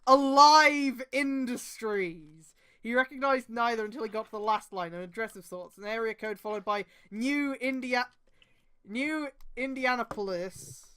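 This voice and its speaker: Her voice a little high, clear and resonant at a measured pace, a woman streamer reads fan fiction with mocking drama. She interjects casual, profane, exasperated remarks and frequently dissolves into laughter and shouting.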